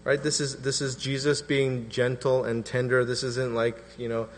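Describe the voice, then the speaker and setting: Pastor, man in his thirties, chatty sermon delivery, puts on voices for quotes, mid-pitched, long church reverb. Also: little pitch movement, moderate pace. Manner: conversational preaching, acting out quotes in voices. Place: church hall.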